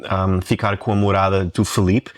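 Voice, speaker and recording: A man's voice: sits low, normal speed. A man with a European Portuguese accent, co-hosting a channel and chatting casually, mixing in English words now and then. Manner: relaxed, laughs easily, drops in English words. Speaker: co-host of a language-learning channel. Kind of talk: casual chat.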